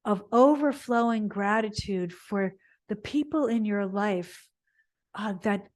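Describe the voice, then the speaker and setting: Guiding a spiritual body scan without a script, this gentle yoga instructor speaks at a medium pitch. Her delivery meanders and stalls as she looks for words.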